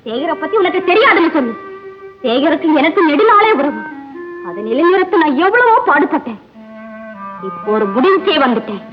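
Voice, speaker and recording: A woman's voice: high-pitched, sing-song, moderate pace, long pauses. An actress playing a bitter woman who claims another's husband, with a cold, accusing manner. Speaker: rival woman. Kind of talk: 1960s Tamil film melodrama. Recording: dull old film soundtrack with music.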